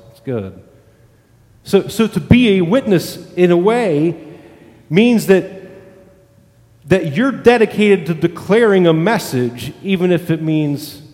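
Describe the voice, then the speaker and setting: A man preaching a sermon as pastor, swinging from loud, emphatic lines to hushed, slow ones. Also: on the high side. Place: church sanctuary. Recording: church hall reverb.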